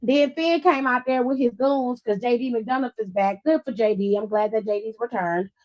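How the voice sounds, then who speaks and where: A woman's voice: on the high side, normal speed, highs cut off. A woman hosting a casual livestream recap, talking in a sassy, blunt and profane way and laughing often. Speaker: host of a wrestling after-show.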